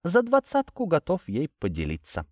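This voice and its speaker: A man voicing a sly, unhurried army captain with folksy speech. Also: a little high, huge pitch swings, a little mellow, no room sound, clean studio sound, pitched above the performer's own voice. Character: sly male army captain, selling gossip.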